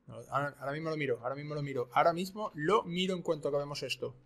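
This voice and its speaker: A man commentating a video game, excitable and repeating his phrases. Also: on the high side, rapid-fire. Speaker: streamer. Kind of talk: gaming commentary.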